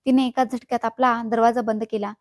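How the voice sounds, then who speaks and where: A woman narrates an emotional first-person story in a sorrowful, earnest way. Her voice sits somewhat high, and the recording is dry and close, with no room echo. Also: little pitch movement, brisk.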